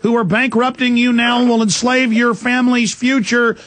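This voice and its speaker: A male radio host interviewing a caller by phone, talking in a forceful, ranting way. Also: extremely high pitch, level tone, moderate pace.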